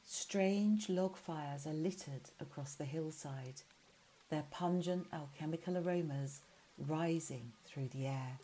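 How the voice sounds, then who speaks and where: A woman narrating a guided meditation journey in a slow, soothing second-person voice. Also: on the low side. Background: loud music.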